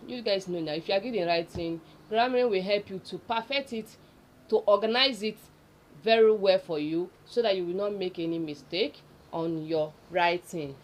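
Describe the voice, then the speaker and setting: Medium in pitch and moderate in pace, this woman has a Nigerian accent. As a video tutorial host, she gives an unscripted, casual explainer in list form, talking straight to viewers and repeating points to stress them.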